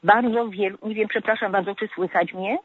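A woman's voice: mid-range voice, fairly even intonation, fairly quick, husky. A woman calling in to a radio show, lecturing on correct speech with many hesitant filler sounds. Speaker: radio caller. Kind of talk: call-in talk about correct speech. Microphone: telephone. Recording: tinny phone line.

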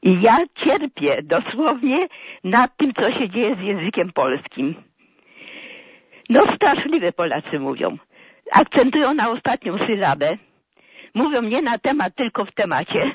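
An older woman phones in to a radio show, her husky voice rising and falling in lively sweeps as she rambles through an indignant complaint. The call sounds muffled and dry, as if carried over a phone line. She comes across as animated and aggrieved. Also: on the high side, measured pace, no room sound. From Poland. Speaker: caller.

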